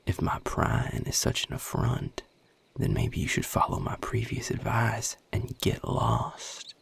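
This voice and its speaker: This audio roleplay has a man speaking directly to the listener as a gruff, guarded vampire from the American South, protecting his territory with a husky, breathy, gravelly low drawl. He's unhurried yet swings hugely in pitch, irritated and sardonic, curt and commanding in full character voice on a dry recording.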